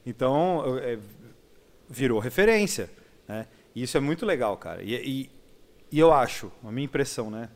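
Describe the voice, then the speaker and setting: A man's voice: mid-range voice, animated, moderate pace. A man with a Brazilian Portuguese accent, hosting a podcast and chatting with his guest in a friendly, conversational way. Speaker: podcast host. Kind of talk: casual podcast interview.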